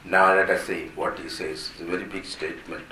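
A man's voice: deep voice, level tone, a little fast, bright, forceful tone. A man with an Indian accent giving an explanatory Vedanta discourse as a spiritual teacher, repeating and glossing Sanskrit terms. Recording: roomy echo, faint background noise.

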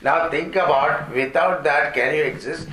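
An Indian-accented man speaks as a spiritual teacher in a bright, forceful voice. He explains scripture carefully, glossing each term as he goes. The room adds clear echo, with faint noise underneath. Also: fairly high pitch. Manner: explanatory, repeats and glosses terms slowly. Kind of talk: Vedanta discourse with Sanskrit quotations.

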